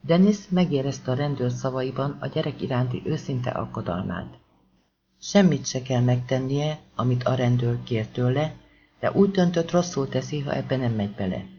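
Man narrating an audiobook, slightly muffled. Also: medium pitch. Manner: steady, measured storytelling. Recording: dull lo-fi audiobook recording.

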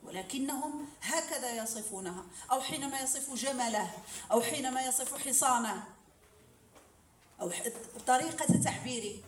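A Moroccan woman lectures on hadith sciences in a lecture hall, explaining through examples and posing rhetorical questions. Her high-pitched voice moves at normal speed. The hall sounds roomy, she seems far from the mic, and there's faint noise.

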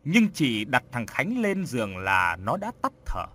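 Male audiobook narrator, husky, dramatic, lively pitch swings. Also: unhurried. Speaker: storyteller. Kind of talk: audiobook horror story narration.

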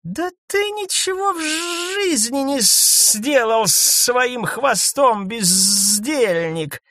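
A man voicing a vain, quarrelsome female alien snake who scolds her husband in a shrill, theatrical way. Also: slow pace, creaky, bright, forceful tone, no room sound, full character voice. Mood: scolding.

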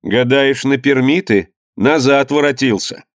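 A firm, impatient young wife speaks briskly, as a male narrator puts her on. He raises his pitch for her, and the dry, close recording keeps every word plain. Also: dry recording, natural voice. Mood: teasing.

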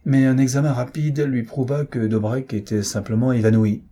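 A man narrating an audiobook in a measured, grave storytelling manner. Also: mid-range voice, flat delivery, mellow, slightly rough. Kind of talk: scripted narration.

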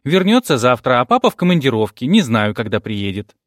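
A man reading an audiobook, voicing a chatty eight-year-old girl on the phone who reports things briskly. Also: mid-range voice, very animated, no echo, clean studio sound, natural voice. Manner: brisk, talkative, matter-of-fact.

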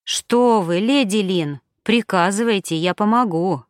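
A woman's voice: medium pitch, a little slow, smooth, dry recording, clean studio sound, close to an everyday voice. A woman voicing a fussing older cook woman.

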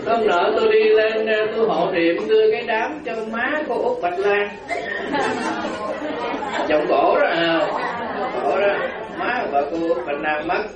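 A man's voice: sits high, measured pace, over a noisy crowd. A man, a Buddhist monk giving a humorous storytelling sermon and laughing as he goes. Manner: humorous, laughing while telling anecdotes. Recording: roomy, distant, dull hall recording with audience. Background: audience laughter.

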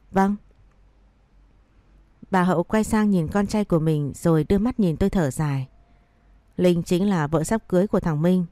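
Low-pitched, mellow, woman, first-person storyteller, dry sound. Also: no echo. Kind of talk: first-person story narration with character dialogue.

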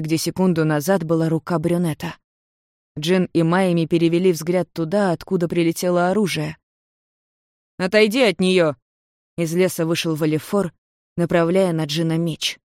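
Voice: medium pitch, a little mellow, no echo, studio quality. A narrator reading a fantasy story aloud.

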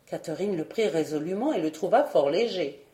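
Mellow woman reading a fairy tale aloud. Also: lowish voice, roomy sound. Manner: calm, measured reading. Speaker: audiobook reader. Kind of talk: storybook narration.

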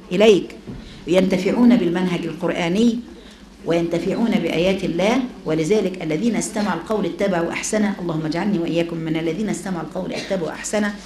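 A woman's voice: lowish voice, darkish tone, reverberant. A woman with an Egyptian accent teaching a religious lesson to a class, often asking her listeners questions. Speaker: Quran teacher.

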